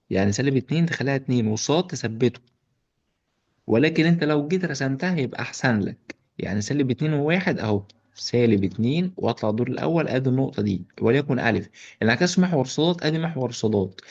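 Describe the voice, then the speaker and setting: A male math teacher with an Egyptian Arabic accent goes through the solutions to an exam, tossing in joking asides to his students. His voice is mid-range and darkish with a breathy edge, and the recording sounds muffled.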